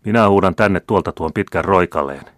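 A man's voice: deep voice, no echo, clean studio sound, voice pushed up, close to an everyday voice. A man reading aloud the lines of an honest fisherman, who speaks plainly and eagerly. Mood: urgent.

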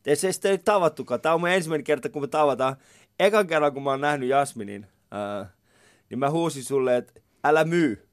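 A male radio talk show host with a medium-pitched voice, recorded dry, chats about himself on a casual morning show. His studio storytelling is talkative and full of self-mockery.

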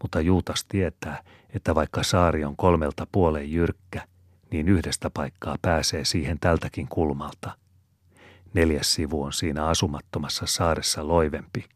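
A man reading a novel aloud as an audiobook narrator, in a steady, measured manner. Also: extremely low pitch, no room sound, clean studio sound. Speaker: audiobook reader.

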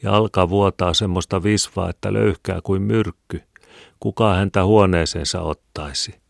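A man's voice: sits low, steady tone, vocal fry, no echo, studio quality, voice pushed up. A man reading the lines of a poor, exhausted mother who speaks humbly and sorrowfully, with a pious, grateful tone. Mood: humble sorrow. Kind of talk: audiobook character reading.

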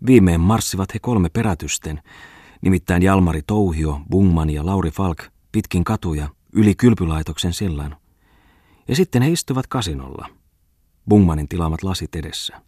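A low-voiced man narrates a novel as an audiobook reader, delivering scripted narration in a measured, even storytelling style. The studio recording is clean, with no room sound.

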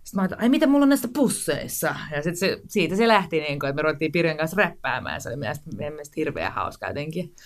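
A woman's voice: sits low, expressive, slight background noise. Chatty woman in her forties. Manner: chatty, with many fillers and restarts. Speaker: guest, screenwriter and director. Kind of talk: casual interview chat.

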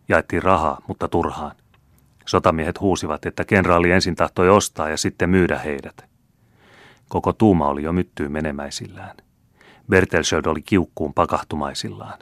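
A man narrates a classic novel as an audiobook, measured and even in his storytelling. His voice sits very low, and the recording is dry and close, with no room sound. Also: dry recording. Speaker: audiobook reader.

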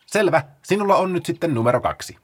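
A man voicing an energetic, bossy female sloth for a children's storybook, with a shrill, loud, excited delivery. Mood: explaining. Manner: excited, rapid calls to rouse others.

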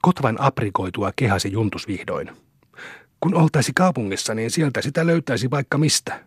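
A man reading an audiobook in steady storybook narration. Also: mid-range voice, slightly rough, no echo, clean studio sound. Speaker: audiobook reader. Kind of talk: scripted narration.

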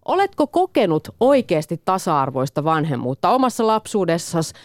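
A woman's voice: fairly low pitch, very animated, dry recording. A woman hosting a live radio talk show in a studio, teasing her guests as she steers the chat. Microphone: studio microphone.

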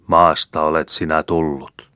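A man reading the part of a frightened village priest, intoning solemnly and then shouting at a grave. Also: very deep voice, level tone, clear, resonant tone, no echo, clean studio sound. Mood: solemn, alarmed.

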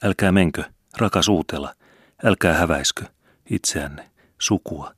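A desperate young girl pleading in short, broken phrases, as a deep-voiced male reader puts her on. The voice stays very low, and the reading is dry and close. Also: fairly bright tone, slightly rough, no room sound.

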